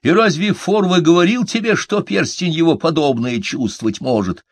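A man's voice: fairly high pitch, moderate pace, no echo, pitched above the performer's own voice. A man voicing a small, sarcastic male dwarf who scoffs and trades folksy sayings. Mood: agitated.

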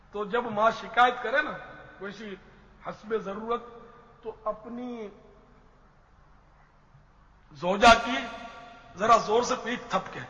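A man's voice: high-pitched, bright, forceful tone. A man preacher giving a patient, explanatory Islamic advice lecture on family life, using everyday examples. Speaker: religious preacher. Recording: dull lo-fi sound in a reverberant hall.

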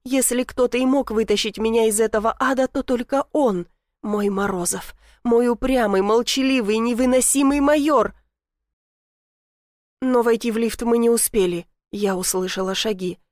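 A woman's voice: a little high, normal speed, darkish tone, no echo, clean studio sound. Woman narrating a tense thriller. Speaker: audiobook narrator. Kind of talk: first-person novel narration.

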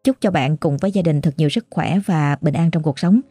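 A woman's voice: sits low, fairly quick, dark tone, no echo, studio quality, soft background music. Chatty southern Vietnamese woman storyteller. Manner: chatty and exclamatory, with frequent fillers. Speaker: host retelling listener ghost stories. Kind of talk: casual spoken storytelling.

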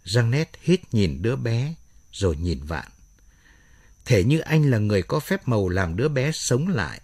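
A man narrating a dramatic story aloud in an expressive storytelling manner. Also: medium pitch, normal speed, slightly rough, no echo.

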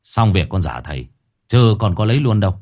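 A man's voice: fairly low pitch, big pitch swings, fairly quick, darkish tone. A man as a brash young apprentice. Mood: cocky. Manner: brash, cheeky. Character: hot-headed young male apprentice, cocky.

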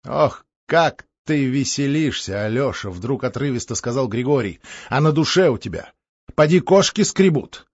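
A man voicing a delirious, dying nobleman in an audiobook, speaking low, quiet and muttering. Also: animated, measured pace, slightly rough, no echo, lo-fi sound. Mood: feverish. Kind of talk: audiobook character voice.

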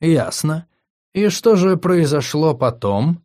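A patient, soft-spoken healer who asks questions slowly and evenly, as a male audiobook reader puts him on. The voice is lifted a little above the reader's own. He is a doctor in a storybook fantasy. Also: a little high, big pitch swings, pitched above the performer's own voice. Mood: gentle. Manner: gentle, measured questioning.

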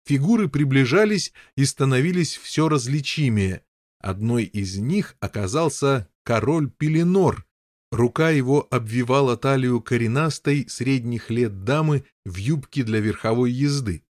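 A man narrating a story in an even, storytelling delivery. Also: mid-range voice, a little slow, no room sound, clean studio sound. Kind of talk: audiobook narration.

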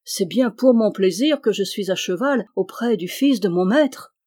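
A reader putting on a gruff, devoted man-at-arms from an old French novel, barking riding orders at his young master in a raised, carrying voice. He stays respectful to the noble lady while staying firm. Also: mid-range voice, expressive, unhurried. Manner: loud commanding calls. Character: stern loyal man-at-arms teaching riding.

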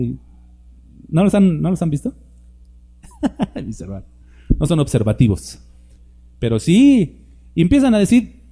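A man's voice: a little high, mellow. A man preaching a conversational sermon, full of rhetorical questions and acted-out examples.

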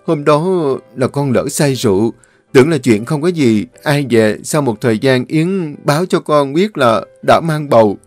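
A man's voice: medium pitch, animated, normal speed, a little mellow, dry recording, soft background music, natural voice. A man voicing a guilty young adult son, speaking hesitantly and apologetically.

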